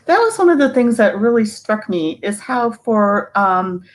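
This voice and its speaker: A woman's voice: medium pitch, very animated, unhurried, rough recording. Hesitant woman moderating a film Q&A. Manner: hesitant, many fillers and repeats. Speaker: moderator, staff writer.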